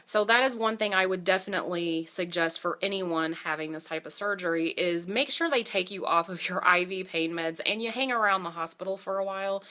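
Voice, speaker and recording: A woman's voice: on the low side, a little fast, few pauses, bright, forceful tone. A woman vlogger telling a personal story in a casual, candid, conversational way, with dry asides. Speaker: vlogger giving a surgery recovery update.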